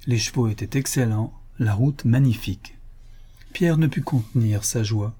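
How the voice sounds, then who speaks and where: A man narrating a classic novel audiobook in a measured, expressive reading. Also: medium pitch, a little hiss or hum.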